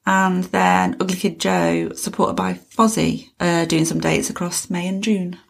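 A woman's voice: lowish voice, little pitch movement, unhurried, vocal fry. A woman co-hosting a podcast, chatting casually about music news and hedging with "obviously" and "I think". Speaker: podcast co-host.

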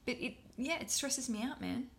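A woman's voice: on the high side, expressive, normal speed, slight background noise. A woman in her thirties co-hosting a podcast in casual chat; she laughs easily and swears casually. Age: 30s. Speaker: podcast co-host.

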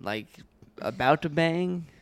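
A man's voice: fairly high pitch, lively intonation, takes it slowly, vocal fry. A man co-hosting a casual movie podcast, chatty and upbeat. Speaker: podcast co-host.

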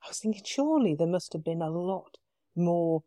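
British woman, low pitch, animated storyteller, casual podcast guest, dry sound. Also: normal speed, dry recording. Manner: animated retelling with quoted dialogue, frequent laughs.

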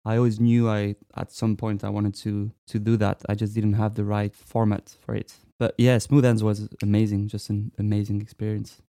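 A man in his twenties from France, a musician talking casually in an interview, relaxed and hesitant with many fillers. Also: lowish voice, moderate pace, few pauses, no room sound, studio quality. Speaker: musician guest.

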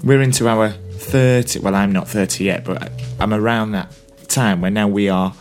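A man in his 20s chats casually as a podcast co-host, rambling and thinking aloud with restarts. His voice is lowish, his tone steady and his pace moderate. Soft music plays in the background.

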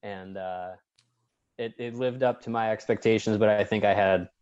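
A man chatting casually with a fairly low voice. He stumbles and repeats himself as he talks. The recording sounds dull and lo-fi, with a dry close feel. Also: steady tone, a little mellow, smooth, no echo. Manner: halting, repeats words often. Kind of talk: casual chat.

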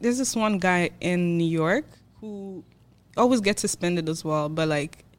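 Young woman guest, low-pitched, blunt and outspoken, casual talk full of "like". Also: unhurried. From Switzerland. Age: 20s. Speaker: podcast guest. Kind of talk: casual chat.

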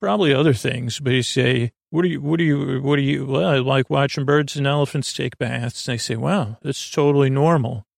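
In a rambling bedtime monologue for his podcast, a man meanders hesitantly through tangents, his creaky, gravelly voice at a medium pitch with fairly even intonation. He's soothing and gently whimsical, pausing to ponder and using many fillers, and the very dry recording has no echo.

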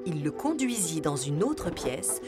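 A woman narrating a children's story in a gentle, expressive way. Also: low voice, a little slow. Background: music.

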